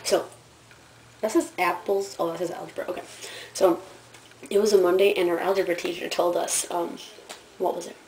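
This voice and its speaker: A teenage girl chats to her camera about her school days in a loose, rambling way, full of fillers and little giggles. Her voice sits a bit low for a girl her age. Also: flat delivery, moderate pace, creaky, long pauses, a little mellow, slight background noise, poor audio. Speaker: student vlogger. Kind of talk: casual storytelling vlog.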